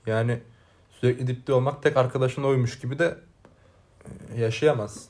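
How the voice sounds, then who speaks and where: A man's voice: mid-range voice, steady tone, moderate pace, a little mellow. A young man chatting casually as a co-host, agreeing a lot and laughing often. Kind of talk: casual chat.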